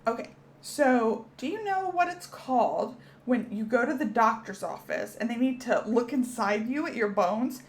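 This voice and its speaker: A woman's voice: fairly high pitch, lively intonation, moderate pace. A woman teaching a children's alphabet lesson, cheerful and encouraging as she speaks to young kids.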